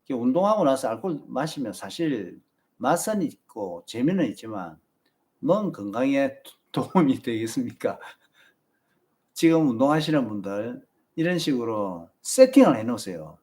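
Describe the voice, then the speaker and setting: A man's voice: mid-range voice, very animated, normal speed, darkish tone. A man with a Busan Gyeongsang accent, hosting a marathon channel and chatting casually with viewers and giving them advice. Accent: Busan Gyeongsang Korean. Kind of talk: casual live-stream chat.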